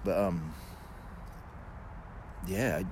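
A man's voice: sits low, drawn-out words. A man telling a personal story in a casual, conversational fireside storytelling manner, with loose colloquial phrasing. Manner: colloquial, mild swearing. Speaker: guest telling personal stories. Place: outdoors in a backyard. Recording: noisy outdoor ambience with vehicle sounds.

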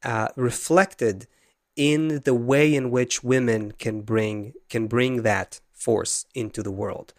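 A man teaching as an interview guest, earnest and halting, often restarting his sentences. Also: medium pitch, fairly even intonation, dry recording, studio quality. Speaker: Kabbalah teacher. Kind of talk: explanatory interview answers.

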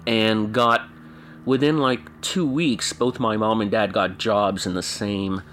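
A man's voice: lowish voice, steady tone, slow, fairly bright tone, a little hiss or hum. A man in his forties from Canada, speaking as an interview guest in a thoughtful, hesitant way with many restarts and fillers. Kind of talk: reflective conversational interview.

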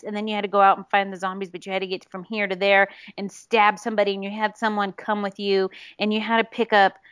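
A woman's voice: mid-range voice, a bit bright, clean tone, no room sound. Giggly woman telling a story. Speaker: podcast co-host. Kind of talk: casual chat.

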